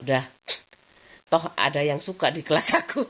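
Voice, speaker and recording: A low-pitched woman vlogger, talking casually about her own life. She rambles in a chatty way, circling back with the same filler phrases. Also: moderate pace, a bit bright. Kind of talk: casual personal storytelling.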